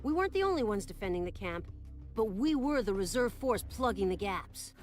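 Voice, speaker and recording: A woman's voice: medium pitch, sing-song, brisk, natural voice. Actress as firm female soldier narrator over music. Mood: grave. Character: female soldier gravely recounting a camp defense. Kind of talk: scripted mission narration in a war game.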